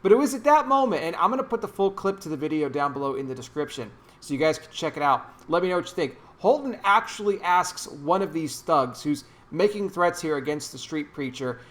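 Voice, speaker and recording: Higher-voiced man, emphatic political commentator. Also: lively intonation, brisk, hardly any pauses, a bit bright. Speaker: YouTube commentator. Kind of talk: opinionated political commentary vlog.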